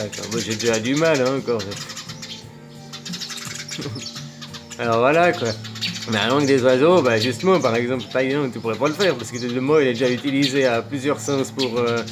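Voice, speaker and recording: A man delivering a loose, rambling spiritual monologue to his viewers, full of fillers and rhetorical questions. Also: medium pitch. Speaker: spiritual video blogger.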